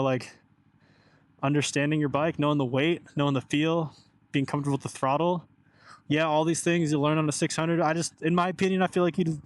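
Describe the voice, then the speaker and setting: A young man chatting casually and informally inside a helmet while riding a motorcycle, meandering from thought to thought and swearing mildly. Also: on the high side. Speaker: motorcycle vlogger. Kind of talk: casual rambling motovlog chat. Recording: steady engine and road noise.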